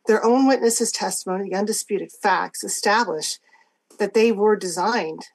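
A woman's voice: medium pitch, poor audio. Assertive woman lawyer in formal argument. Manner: assertive, emphatic, measured phrasing. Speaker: government lawyer arguing an appeal. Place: remote court hearing.

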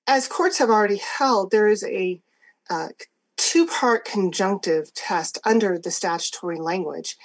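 A woman's voice: medium pitch, husky, low-quality recording. Assertive woman lawyer in formal argument. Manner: assertive, emphatic, measured phrasing. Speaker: government lawyer arguing an appeal. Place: remote court hearing.

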